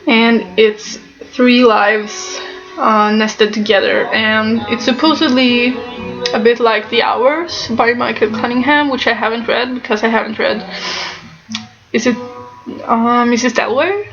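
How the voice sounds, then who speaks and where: Congested, blocked-nose woman, higher-pitched. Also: steady tone, a bit bright, soft background music. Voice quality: blocked-nose, congested nasal sound, as with a broken nose. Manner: halting, often breaking into small laughs. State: stuffed-up nose. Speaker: book vlogger. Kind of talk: casual chatty book haul. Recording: slightly dull, lo-fi sound.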